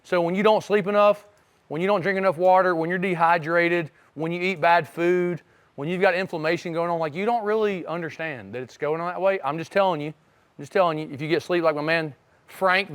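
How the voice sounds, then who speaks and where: A man with a high voice speaks as a wrestling coach to young athletes. His talk is casual and motivational. He keeps checking in with his listeners as he goes. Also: a little fast, fairly bright tone, clear, resonant tone. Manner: conversational, checks in with listeners often.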